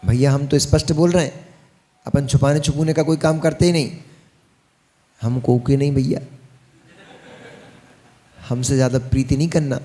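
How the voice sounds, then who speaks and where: A man's voice: medium pitch, steady tone, moderate pace, pauses often, warm tone, slight background noise. A man gives a Jain monk's sermon in a folksy style, speaking straight to his audience with teasing asides. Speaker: Jain monk preacher.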